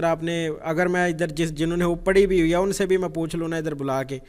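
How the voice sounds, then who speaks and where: A man with a Pakistani accent teaching programming in a conversational lecture style, repeating phrases and using frequent fillers. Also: fairly high pitch. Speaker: programming instructor.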